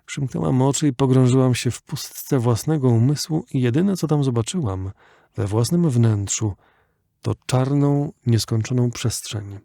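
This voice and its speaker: Male audiobook narrator, measured and reflective, mellow tone, dry booth. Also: medium pitch, vocal fry, no echo. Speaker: audiobook reader.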